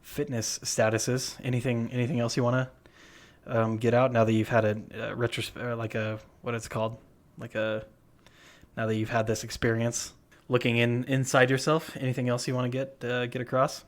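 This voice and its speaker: A man's voice: medium pitch, completely flat delivery, normal speed. A man co-hosting a podcast, telling a story in casual chat, full of fillers and restarts. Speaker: podcast co-host. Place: worked at a gym front desk.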